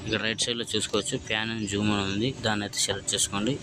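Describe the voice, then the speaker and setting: A man's voice: lowish voice, little pitch movement, very fast, noisy background. A man hosting a casual step-by-step phone editing tutorial, who keeps checking in with "okay friends" between steps. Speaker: video editing tutorial host.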